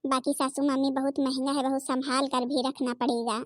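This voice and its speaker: A woman's voice: high voice, flat delivery, moderate pace, no room sound, studio quality, lightly acted. Woman doing a fretful young daughter-in-law. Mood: polite. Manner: pleading, flustered.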